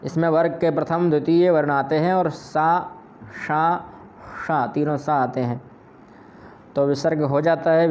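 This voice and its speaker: A man's voice: fairly high pitch, darkish tone. A man teaching Sanskrit grammar, explaining patiently step by step and repeating his examples. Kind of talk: explanatory lesson. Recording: slightly dull lo-fi audio with faint noise.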